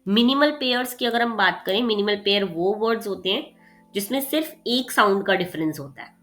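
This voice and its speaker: Faint music sits under this casual revision class, taught by a woman of medium pitch. She checks on her students often ("okay," "theek hai"), slips in English vocabulary, and when an explanation excites her, her pace quickens and her volume rises.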